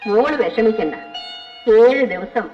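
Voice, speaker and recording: A woman's voice: on the high side, animated, unhurried, dull audio, over music. An actress playing a doting, motherly older woman who fusses over a young bride in an affectionate way. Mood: fussing. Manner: affectionate, fussing. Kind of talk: 1970s film dialogue.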